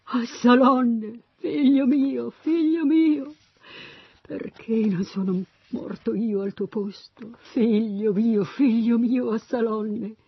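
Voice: medium pitch, lively intonation, a little slow, no echo. A Bible story reader voicing an old king who asks anxiously after his son and breaks into weeping. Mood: grieving. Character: grieving old king, father of rebel son. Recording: dull dry recording.

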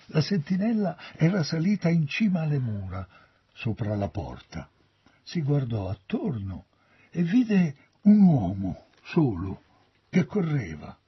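A man reading a Bible story aloud as an expressive storyteller. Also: fairly high pitch, measured pace, slightly rough, no room sound. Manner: expressive storyteller, lively intonation. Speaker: narrator. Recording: dull dry recording.

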